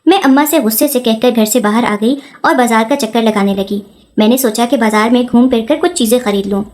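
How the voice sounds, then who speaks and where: Woman storyteller, first-person scripted narration, steady delivery, fairly high pitch.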